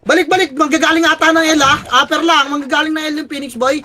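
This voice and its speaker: A young man leading his squad in an online game, barking rapid repeated callouts and swearing when frustrated. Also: very high voice, fairly even intonation, sharp tone. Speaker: squad leader calling commands. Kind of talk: shouted game commands to a team.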